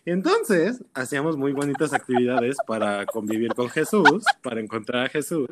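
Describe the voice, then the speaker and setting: A man chatting casually with an old friend, telling stories in a playful, animated way. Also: medium pitch, normal speed, heavy background noise. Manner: animated, playful storytelling with bursts of laughter. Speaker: podcast guest.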